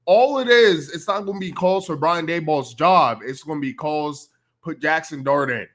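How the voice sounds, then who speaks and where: A man's voice: fairly high pitch, moderate pace, fairly bright tone. A man debating sports heatedly as a fan, challenging the other side and interrupting with slang and swearing.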